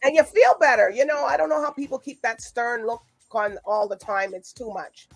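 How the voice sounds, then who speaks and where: A woman's voice: on the high side, moderate pace, vocal fry, faint music behind. A woman hosting a casual chat show in a chatty, rambling, easily amused manner. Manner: chatty, rambling, laughs often. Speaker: show host.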